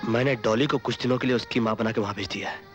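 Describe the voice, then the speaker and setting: An actor plays an earnest, devoted young hero. His mid-range voice is sincere and pleading, and clear film music plays behind him. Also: mid-range voice, fairly even intonation, very fast, close to an everyday voice. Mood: somber.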